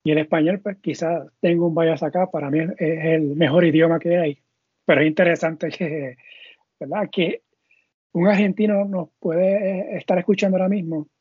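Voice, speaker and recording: Male podcast host, fairly high husky voice, dry and dull sound. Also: fairly even intonation, normal speed, dry recording. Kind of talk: podcast interview.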